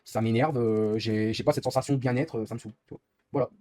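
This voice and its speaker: A man's voice: mid-range voice, steady tone, fast talker, warm tone, no echo, studio quality. A young man live-streaming while gaming, rambling in casual chat and swearing often as he complains.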